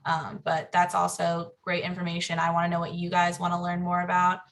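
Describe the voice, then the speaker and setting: A woman with a bright, forceful voice answers questions on a video call. She sits a little low in pitch and keeps an upbeat, friendly manner. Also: monotone, brisk, creaky. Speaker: social media presenter. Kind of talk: casual webinar Q&A.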